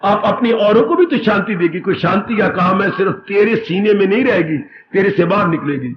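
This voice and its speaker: A man giving a devotional sermon, telling stories in an animated way and stretching out emphatic phrases. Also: high voice, fairly quick, noisy background. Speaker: spiritual teacher. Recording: roomy, dull recording, faint ambience.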